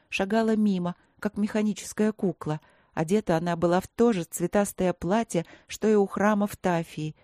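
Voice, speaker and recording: A mellow, warm female voice reads an audiobook in a measured, steady storytelling manner. The recording sounds close and dry. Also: lowish voice, dry recording. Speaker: audiobook narrator. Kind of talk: scripted narration.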